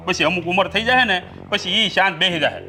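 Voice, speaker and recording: A man's voice: high voice, a little fast, sharp tone, a little hiss or hum. An actor with a Gujarati accent playing a weary older brother who lectures his hot-headed sibling. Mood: lecturing. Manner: scolding and weary. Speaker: older brother in a family drama. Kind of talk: Gujarati family drama acting.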